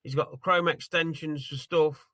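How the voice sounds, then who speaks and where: A man with a somewhat high voice walks people through a tool on a video call. He rambles and apologizes as he hunts around his screen, and his sound is close and dry with no room around it. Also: steady tone, measured pace, bright, forceful tone, no echo. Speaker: attendee demonstrating a tool. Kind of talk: casual screen-share demo on a video call.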